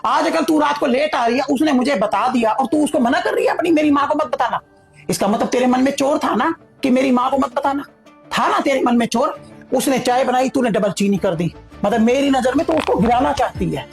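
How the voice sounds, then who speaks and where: A woman's voice: high-pitched, fairly quick, faint music behind. A woman playing a stern middle-aged mother who lectures her daughter with emphatic repetition. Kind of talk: family drama acting.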